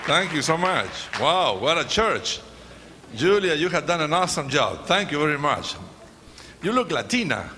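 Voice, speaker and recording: A native Spanish speaker from Chile, with a Chilean accent, gives an informal, joking sermon as a guest speaker from the stage of a large church, often hesitating as he goes. His fairly high voice swings widely in pitch at normal speed with a sharp tone. The hall is reverberant, with congregation noise and some chatter behind him.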